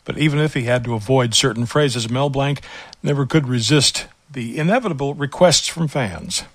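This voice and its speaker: A man hosting and narrating a feature segment in a measured, scripted broadcast delivery. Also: medium pitch, no echo. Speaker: show host and narrator.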